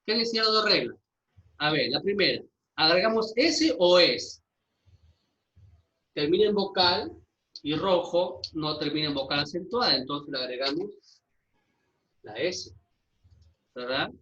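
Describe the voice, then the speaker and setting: A man's voice: a little high, animated, measured pace, long pauses, bright, forceful tone, muffled recording. A male teacher giving a grammar lesson, explaining step by step and often checking with his students. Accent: Peruvian Spanish.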